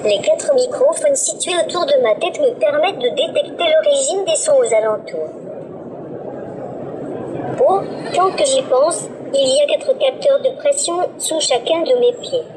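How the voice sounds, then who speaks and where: A synthesized female voice speaking as a small humanoid demo robot, with an even, politely scripted text-to-speech delivery. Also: sits high, a little slow, noisy background. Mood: chipper. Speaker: demonstration robot presenting itself.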